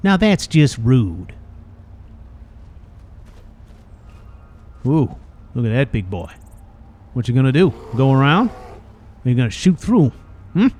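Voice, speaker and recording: A man's voice: medium pitch, very animated, moderate pace, darkish tone. A man voicing a cheeky, chatty old rusty robot in a game, with a folksy drawl and teasing manner. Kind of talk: video game character dialogue.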